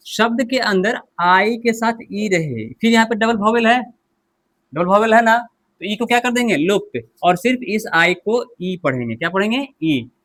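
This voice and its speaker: A man's voice: sits high, a bit bright. A male English teacher giving a pronunciation lesson, repeating the rules and asking the listener questions as he goes. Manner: slow, repetitive, quizzes the listener with questions.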